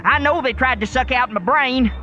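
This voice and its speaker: A man's voice: very high voice, normal speed, bright, forceful tone. An actor playing a paranoid male conspiracy crank in a radio drama, ranting frantically in folksy rural grammar. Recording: slightly muffled, music underneath.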